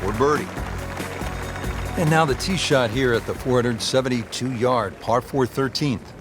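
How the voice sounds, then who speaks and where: A man acting as a lead TV golf commentator, calling the play in a measured, polished announcer delivery. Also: medium pitch, natural voice. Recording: loud music and crowd behind. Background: music, crowd.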